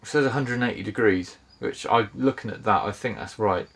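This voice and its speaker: Relaxed man, lowish voice. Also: brisk, creaky. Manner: easygoing, thinking aloud, chuckles at himself. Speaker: vlogger reviewing a camera. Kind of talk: casual product review. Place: on and around a canal boat.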